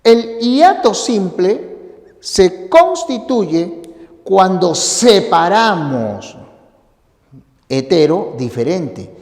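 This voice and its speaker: A teacher slowly explaining a grammar lesson, asking rhetorical questions to the students. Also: medium pitch, sing-song, darkish tone. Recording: echoey room with long reverb.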